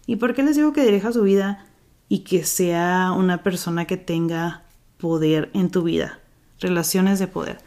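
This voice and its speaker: A Mexican woman talks casually on her own podcast. She uses loose slang and drops into quick acted-out exchanges as she explains. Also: medium pitch, darkish tone. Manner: slangy, chatty, acts out quoted dialogue. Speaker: podcast host. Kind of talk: casual solo podcast talk.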